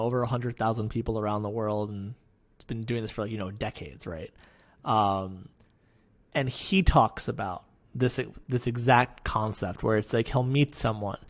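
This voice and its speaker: A man's voice: fairly low pitch, steady tone, moderate pace. A man hosting a podcast, chatting casually and animatedly, swearing freely and acting out people he quotes. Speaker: podcast host.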